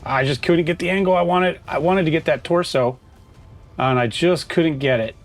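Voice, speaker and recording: A man's voice: fairly high pitch, moderate pace. A man casually commenting on his own gameplay, chatting to himself as he plays. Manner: chatty, talks to himself while playing. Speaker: gaming streamer.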